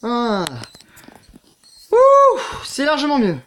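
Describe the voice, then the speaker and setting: Swearing, excitable let's play man. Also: extremely high pitch, very slow, a little hiss or hum. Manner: swears a lot, mutters to the game, yelps when startled.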